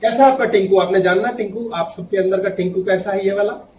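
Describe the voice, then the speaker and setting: Animated spiritual speaker, man, echoey hall. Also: high-pitched, fairly quick, distant mic, a little hiss or hum. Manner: animated, acting out quoted voices with sharp swings between loud and hushed. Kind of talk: spiritual talk to a live audience. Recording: echoey room, voice from off-mic.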